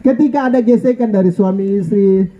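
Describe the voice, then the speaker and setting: Speaking briskly in a high voice, a middle-aged pastor preaches a lively, joking sermon in church and invites the congregation to say amen. The recording sounds muffled.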